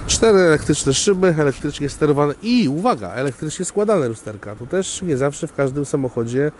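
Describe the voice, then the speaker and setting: A man presenting a used car to viewers in a chatty salesman manner, recorded on a camera outdoors on a windy gravel lot. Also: fairly high pitch, expressive, a little fast, a little mellow. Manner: chatty salesman, upbeat, addresses viewers directly. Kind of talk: casual walkaround car presentation. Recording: outdoor camera audio with wind noise.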